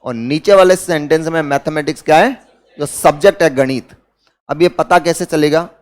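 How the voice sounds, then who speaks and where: High-voiced Indian man teaching grammar. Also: moderate pace. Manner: asks students questions and answers them himself, repeats key words. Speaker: English teacher. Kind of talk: classroom grammar lecture.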